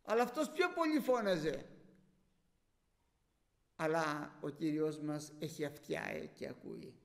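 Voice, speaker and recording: A man preaching a sermon, teaching sincerely and rising to loud cries when he quotes prayers. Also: a little high, sing-song, creaky, long reverb tail.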